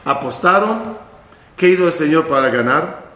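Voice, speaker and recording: Male rabbi-style teacher, lively storytelling lesson, roomy echo. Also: on the high side, moderate pace. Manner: animated, acts out voices in stories.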